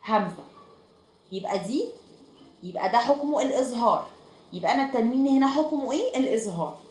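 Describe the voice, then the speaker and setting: Fast-talking Egyptian woman teaching. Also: fairly high pitch, animated, a little mellow. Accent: Egyptian Arabic. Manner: explains step by step, checks "right?" often. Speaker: Quran recitation teacher. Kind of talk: online group lesson. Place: room at home. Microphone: online voice chat. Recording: echoey room, faint noise.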